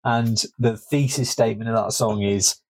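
Husky, wry, sweary male podcast host. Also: on the low side, steady tone, normal speed, darkish tone, low-quality recording. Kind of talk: casual chat, reading segment notes.

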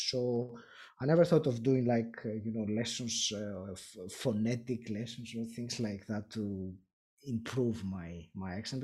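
A man from Greece, Greek his first language, speaking English with a Greek accent as a podcast interview guest, thoughtful with frequent pauses. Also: medium pitch, warm tone, breathy edge. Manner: thoughtful, many filler pauses, laughs lightly. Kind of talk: casual interview.

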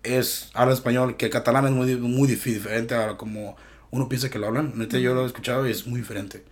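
A man's voice: medium pitch, steady tone, fast talker. A Mexican man from Michoacán hosting a podcast, chatting casually with lots of slang and profanity and laughing easily. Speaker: podcast host. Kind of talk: casual chat.

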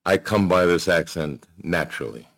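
A man preaching a sermon to his congregation, measured and emphatic, with pauses. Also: sits low, lively intonation, vocal fry. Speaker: pastor.

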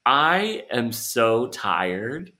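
A young man hosting a podcast, ranting in a casual, animated way with sudden leaps into a high voice. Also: drawn-out words. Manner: animated ranting with big pitch jumps. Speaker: podcast host.

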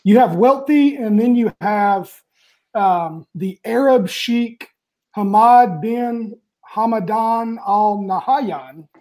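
A man talks casually on a podcast, with a mellow, darker voice. He chats through his explanations and adds asides as he goes. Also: sits high, slow pace. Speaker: podcast co-host. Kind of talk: casual chat.

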